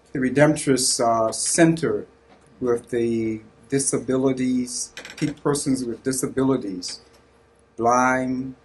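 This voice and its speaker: A husky, mid-range male voice belongs to a Redemptorist priest in his sixties from North Carolina, USA, who has a Southern US accent. He earnestly shares reflections with a group, searching for his words as he goes.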